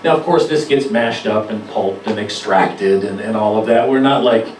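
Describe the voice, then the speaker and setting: A man giving a product training talk, explaining slowly and haltingly with many restarts. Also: on the low side. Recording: echoey room, distant mic, faint noise.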